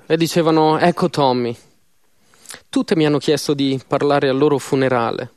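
A man interpreting a church sermon in an earnest, measured way with slow pauses. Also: on the high side, fairly even intonation, darkish tone.

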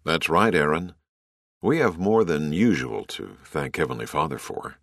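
A woman voicing a shaken, gentle father in a storybook reading. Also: very deep voice, sing-song, moderate pace, vocal fry, dry recording, clean studio sound, pitched below the performer's own voice, exaggerated voice. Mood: reverent. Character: shaken father, adult man.

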